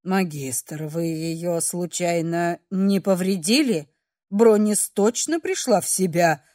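A man's voice: high voice, takes it slowly, darkish tone, no room sound, studio quality, pitched below the performer's own voice. A woman reading an audiobook, voicing a strict young male elf guardian who scolds and lectures. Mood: worried.

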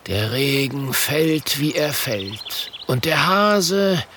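A man voicing an old, solemn great chief who speaks slowly and murmurs his pronouncements, in a storybook reading. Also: medium pitch, sing-song, noisy background, pitched above the performer's own voice.

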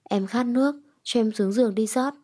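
Woman doing a stubborn young woman in a storybook. Snappish, sulky, mellow tone. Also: fairly high pitch, moderate pace, close to an everyday voice.

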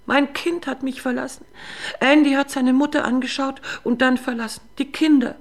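A woman voicing a drunken, weeping young mother who pleads and reproaches in a high, tearful voice. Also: lively intonation, normal speed, natural voice. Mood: wailing.

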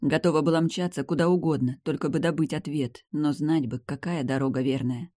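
First-person fantasy audiobook reader, mid pitch, dry close sound. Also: a little fast, no room sound. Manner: first-person storytelling, even. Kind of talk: audiobook narration of a fantasy novel.

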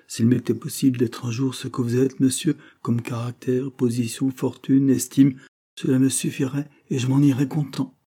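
A man's voice: medium pitch, flat delivery, moderate pace, dark tone, pitched above the performer's own voice, lightly acted. A man voicing a modest, polite young male clerk who speaks humbly to his employer. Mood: earnest.

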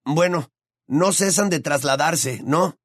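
A man voicing Ron, a blunt, excitable teenage boy, in an audiobook reading. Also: on the high side, slow pace, no room sound, studio quality, voice pushed up. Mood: cheerful. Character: hot-headed teenage boy, friend.

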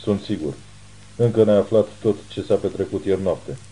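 A man reading a steady, protective detective. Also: deep voice, natural voice, poor audio. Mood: grave.

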